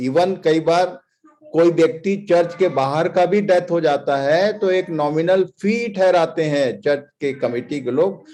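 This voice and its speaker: Guy preaching a sermon, kinda high voice, asks the crowd stuff, throws in english bits. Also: a little mellow. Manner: quizzes the congregation, emphatic, drops in English phrases.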